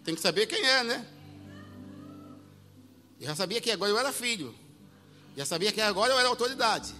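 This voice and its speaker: A man preaching a sermon, telling a story with animated delivery, acting out voices and sometimes shouting. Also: high-pitched, a little fast. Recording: long hall reverb with faint music.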